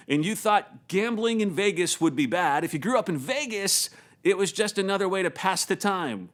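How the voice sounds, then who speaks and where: A male pastor preaching a sermon in an animated storytelling manner, often repeating words as he goes. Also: high-pitched.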